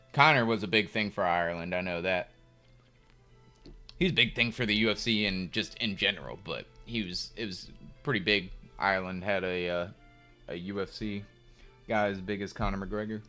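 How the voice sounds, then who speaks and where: A young US streamer talks chess in a fairly low, sharp voice with rather flat intonation, a moderate pace, and long pauses. His casual live-stream chat wanders, relaxed and full of fillers, over faint music.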